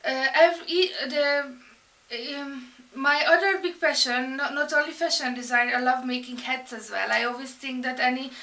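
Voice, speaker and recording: A woman in her thirties with a Hungarian accent introduces herself, halting and full of ums and restarts. Her voice sits high, bright and a little gravelly. She is recorded a bit away from the mic in an echoey room. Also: steady tone, recorded from a distance. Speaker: art and fashion student. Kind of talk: personal introduction video.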